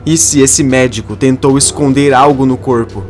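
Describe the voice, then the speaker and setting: A man's voice: medium pitch, fairly even intonation, normal speed, darkish tone, faint music behind, natural voice. A man voicing a grieving, determined young daughter in a narrated soap opera summary.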